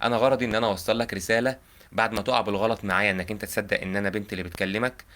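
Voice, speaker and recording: A man's voice: lowish voice, steady tone, very fast, sharp tone. A young man with an Egyptian accent giving earnest, informal advice on a live call. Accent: Egyptian Arabic. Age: young adult. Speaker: prank caller giving advice.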